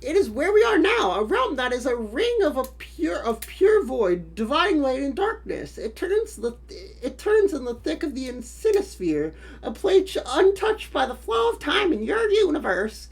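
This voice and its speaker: A woman's voice: high voice, sing-song, moderate pace, hardly any pauses, voice pushed up. A woman putting on a doting, mysterious elderly grandmother spirit while reading a webcomic aloud, in a theatrical, mock-grand way. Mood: grandmotherly, grand.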